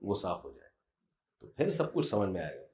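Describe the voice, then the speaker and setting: A man's voice: low-pitched, wildly swooping pitch, a little mellow. A middle-aged man giving a religious talk, telling funny stories in a chatty way. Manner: humorous storytelling, conversational. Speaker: Islamic preacher.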